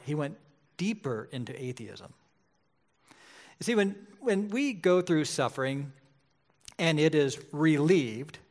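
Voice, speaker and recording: A man in his forties preaching a sermon in a conversational way, often checking in with "right?". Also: on the high side. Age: 40s. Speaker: pastor.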